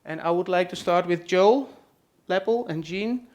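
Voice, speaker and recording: In a trade expo room, a presenter hosting a farm tour session introduces a family to a live audience; he is a Dutch-accented man from the Netherlands. His voice sits high with a darkish tone, and he speaks at a measured pace. He hesitates often, saying "uh" and "let's say" a lot.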